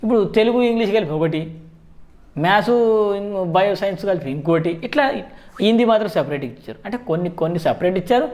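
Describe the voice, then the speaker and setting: Fast-talking Telangana man mixing Telugu and English. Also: high voice, animated, a little mellow. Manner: Telugu mixed with frequent English words. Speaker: job-exam advice video host. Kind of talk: informal explanatory commentary to viewers.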